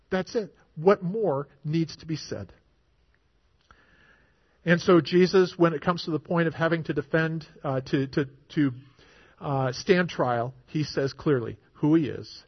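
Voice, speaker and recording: A man's voice: a little high, muffled recording. A man preaching a sermon in an emphatic, conversational way, often checking in with his listeners.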